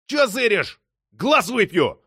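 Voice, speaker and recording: A man playing a furious police detective who yells high and hard and barks curses and threats. The voice is strained and pushed up in pitch, loud and dry in the mic. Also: sing-song, a little fast, no echo. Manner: shouting, swearing, threatening. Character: furious male police detective, hot-tempered.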